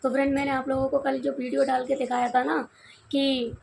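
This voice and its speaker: A young Indian woman talks to her viewers in a relaxed, confiding vlog, telling the story of a family quarrel. Her voice sits high, but it is worn hoarse and gravelly. Faint noise hangs in the background of the recording. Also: a little fast. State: hoarse from crying and shouting. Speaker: vlogger. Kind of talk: casual vlog chat.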